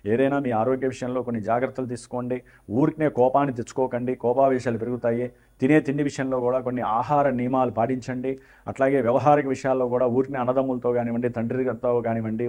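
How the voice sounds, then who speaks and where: Astrologer guy giving earnest advice, mid pitch, formal devotional wording. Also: darkish tone. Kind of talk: astrological forecast talk.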